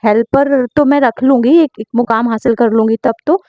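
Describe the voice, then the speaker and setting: A woman's voice: on the high side, fairly even intonation, normal speed, highs cut off. A young woman home baker, chatting earnestly as she answers viewers' questions in a casual vlog, often checking in with her listeners. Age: young adult.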